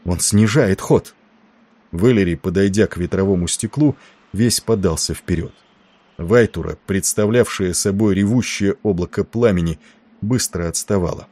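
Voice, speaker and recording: Deep-voiced male audiobook narrator. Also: normal speed, a little mellow, dry recording.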